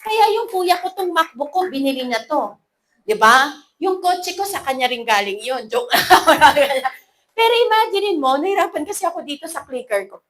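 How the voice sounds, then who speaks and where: A woman in her thirties with a Filipino accent, giving an animated, playful motivational talk to an audience at a business event. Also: sits high, brisk, rough recording. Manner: lively, animated, playful, mixing English into Filipino.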